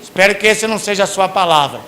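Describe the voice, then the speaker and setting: High, bright-voiced Brazilian preacher. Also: male voice, rapid-fire. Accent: Brazilian Portuguese. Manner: preaching with big swings from hushed to shouted; acts out quoted parents and sinners. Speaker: pastor. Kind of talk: sermon. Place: church.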